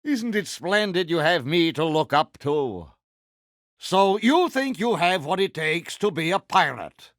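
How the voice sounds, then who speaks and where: A villainous, self-adoring male pirate captain from a video game. His voice is high and wildly swooping, taken at a slow, savouring pace. He mixes mock-genteel grandeur with salty pirate slang, all very theatrical. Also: fairly bright tone, dry recording, clean studio sound, full character voice. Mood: pompous, scheming.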